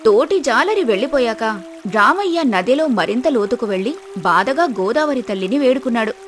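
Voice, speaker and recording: High-voiced woman narrating a cartoon. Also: expressive, normal speed, soft background music.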